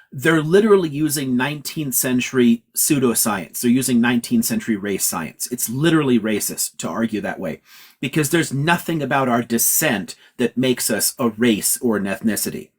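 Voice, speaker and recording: Hosting a livestream Q&A, this male professor from California lectures emphatically, dropping casual swear words along the way. His medium-pitched voice is animated, with a moderate pace and a breathy edge.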